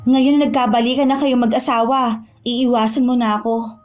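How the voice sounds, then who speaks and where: A woman's voice: fairly high pitch, flat delivery, moderate pace, a little mellow, lightly acted. An actress playing a caring but reproachful sister who worries about her brother. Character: protective younger sister, wary and hurt. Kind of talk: audio drama acting. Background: music.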